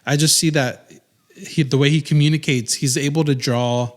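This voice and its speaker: A man's voice: a little high, steady tone, moderate pace. A man in his thirties co-hosting a podcast in casual chat, rambling with many restarts and fillers. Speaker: podcast co-host.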